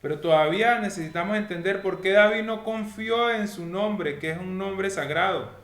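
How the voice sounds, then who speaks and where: A man's voice: sits high, normal speed, fairly bright tone. A man teaching a weekly Torah lesson in a didactic way, often checking that his listeners follow. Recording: echoey room with faint noise.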